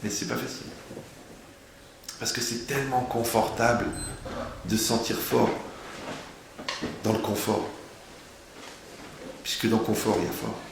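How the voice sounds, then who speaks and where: A man with a gravelly, creaky voice delivers a lively sermon with rhetorical questions and wordplay. The recording is very echoey, with a faint hum of background noise. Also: on the low side, measured pace, long pauses. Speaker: rabbi giving a Torah lesson.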